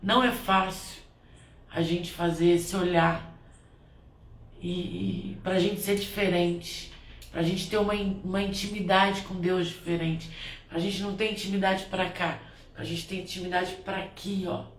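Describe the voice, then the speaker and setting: A woman's voice: lowish voice, level tone, a little slow. A woman who does spiritual blessings talks through a personal reflection, her thoughts winding and often restarting. She sits back from the microphone, so the room echoes around her voice. A faint hum of ambient noise sits underneath. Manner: heartfelt and rambling, with many restarts. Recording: roomy, distant from the mic, faint ambient noise.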